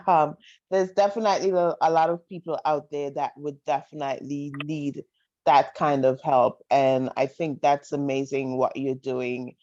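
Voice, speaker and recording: A woman's voice: low voice, a little mellow, no room sound. A woman hosting a podcast interview, asking questions in an encouraging, affirming way. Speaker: podcast host. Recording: dull, dry lo-fi audio.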